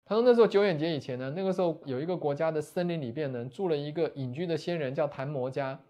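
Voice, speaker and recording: A man, a Buddhist monastic teacher retelling a scripture story as a lecture, often closing phrases with soft tags. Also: on the high side, fast talker.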